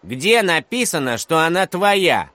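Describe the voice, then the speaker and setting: A man's voice: a little high, sing-song, measured pace, bright, forceful tone, no echo, voice pushed up, heavily acted. A man voicing a mean, defiant fourth-grade boy who taunts and drags out his retorts. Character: bratty mean schoolboy, defiant and cheeky.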